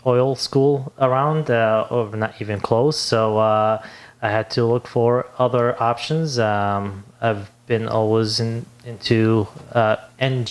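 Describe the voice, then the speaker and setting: As a podcast guest, a young business owner from Libya recounts his story in English during a relaxed interview, groping for the right words. He speaks slowly in a steady, mid-range voice.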